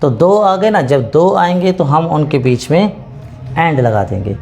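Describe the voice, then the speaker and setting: A man's voice: fairly high pitch, animated, vocal fry, a little mellow, slight background noise. Man teaching grammar. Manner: slow, deliberate reading of English example sentences; checks in often with the listener. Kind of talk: explaining grammar in a classroom-style lesson.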